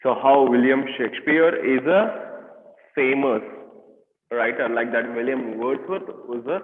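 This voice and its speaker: A man with an Indian English accent teaching an online class, explaining slowly with many fillers and questions to his students. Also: mid-range voice. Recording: echoey room, tinny phone-like sound.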